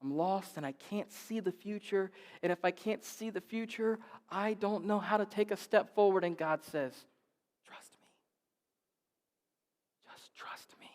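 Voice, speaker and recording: High-voiced emphatic male pastor preaching. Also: normal speed, few pauses, a little mellow, long reverb tail. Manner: emphatic preaching with repeated phrases. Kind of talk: sermon. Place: church.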